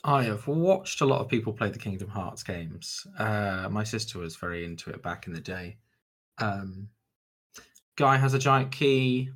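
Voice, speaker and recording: A man's voice: on the low side, expressive, a little slow, fairly bright tone. A man co-hosting a casual podcast, giving dry, wry asides. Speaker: podcast co-host. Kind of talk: casual chat.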